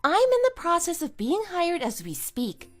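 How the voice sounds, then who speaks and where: In an amateur audio drama, a woman voices a wronged wife kicking out her cheating husband, scornful and triumphant. Her full character voice is very high-pitched with wildly swooping pitch at normal speed, delivered sarcastically and emphatically in a smug, matter-of-fact mood.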